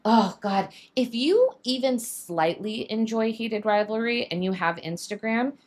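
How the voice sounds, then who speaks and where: A woman co-hosting a casual craft and gossip stream, gushing and animated as she chats. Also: a little high, measured pace. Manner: animated, gushing fan talk with laughs. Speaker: podcast co-host. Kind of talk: casual chat while crafting.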